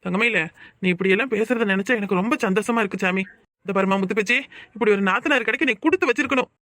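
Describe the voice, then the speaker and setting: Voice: medium pitch, fast, a bit bright, no room sound, clean studio sound, lightly acted. Someone voicing a placating old cartoon father. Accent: Kanyakumari Tamil. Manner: pleading, placating. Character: soft-spoken older father, peacemaking. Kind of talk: cartoon voice acting.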